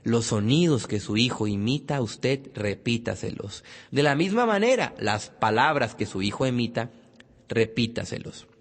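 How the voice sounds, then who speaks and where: A man's voice: medium pitch, animated, normal speed, in a large hall. A man giving a motivational parenting talk, speaking emphatically and addressing parents directly. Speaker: parenting lecturer.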